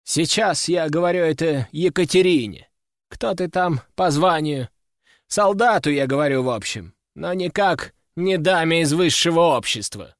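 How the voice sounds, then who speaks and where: A man's voice: a little high, expressive, moderate pace, dry recording, clean studio sound. A man voicing an arrogant young duke who speaks in a cold, condescending way, in an audiobook reading.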